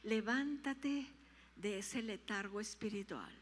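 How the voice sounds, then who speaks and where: A woman's voice: a little high, animated, measured pace. A woman pastor preaching a sermon, emphatic and repetitive, rising to fervent peaks, in a reverberant church hall.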